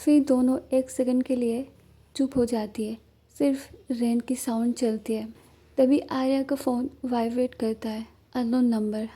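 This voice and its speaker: A woman reading a scripted romance story aloud as narrator in a steady, descriptive way. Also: on the high side, measured pace, breathy edge.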